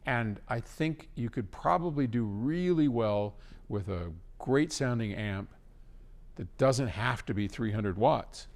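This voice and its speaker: Answering listeners' questions, this host gives advice informally and takes his time. His medium-pitched voice has a darkish tone and lively intonation, and he keeps clearing his throat.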